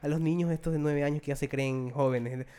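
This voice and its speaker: A man's voice: fairly high pitch, steady tone, fairly quick, warm tone, clean tone. A young man in a casual chat, laid-back and teasing with slangy speech.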